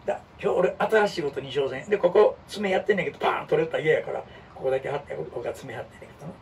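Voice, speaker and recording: A man with a Kansai accent chats on in a lively, self-mocking way, his voice swinging up and down. His tone is somewhat high and gravelly. He sits back from the microphone, so he sounds a little distant. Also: rapid-fire, a little hiss or hum. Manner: chatty, animated, self-mocking. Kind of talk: casual chat.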